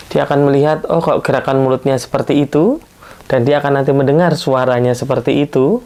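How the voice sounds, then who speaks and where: A man speaking as a pediatrician in an educational health talk, explaining patiently point by point and often closing remarks with a soft tag question. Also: mid-range voice.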